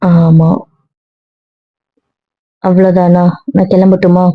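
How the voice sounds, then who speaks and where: A woman acting as a young wife who gently soothes and coaxes her anxious husband, in an amateur serial drama. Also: on the low side, little pitch movement, slow pace, no room sound. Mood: refusing. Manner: soothing, coaxing. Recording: dull, dry lo-fi recording.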